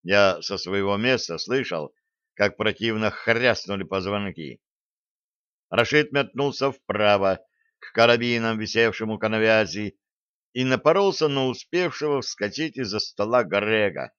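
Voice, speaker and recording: A man's voice: on the low side, unhurried, a bit bright, clean tone, dry recording. A man narrating a first-person adventure audiobook in a dramatic, vivid storytelling manner. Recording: dull lo-fi dry audio.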